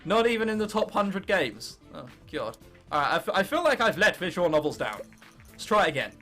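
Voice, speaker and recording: With a high, sing-song, sharp voice at a fairly quick clip, a nineteen-year-old man from England narrates a let's play video he hosts. He's casual and jokey, swears a lot, keeps interrupting himself and reads game text aloud while faint music plays.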